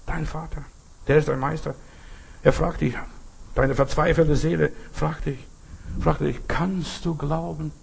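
Male preacher with a deeply gravelly, fairly high voice; slow, pleading sermon built on repeated questions. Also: fairly even intonation. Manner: insistent, repeated rhetorical questions; slow, pleading address to the listener. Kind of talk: devotional sermon.

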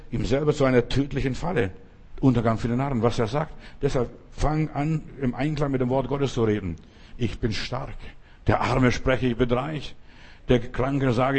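A man's voice: mid-range voice, darkish tone, husky. An older man preaching a sermon, emphatic and repetitive, speaking straight to the listener.

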